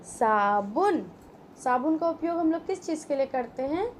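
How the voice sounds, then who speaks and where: A woman teacher leads a children's reading lesson at a slow, careful pace. Her voice sits a little high, and she asks simple questions and spells words out patiently, sound by sound. There is a faint noise in the background. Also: expressive.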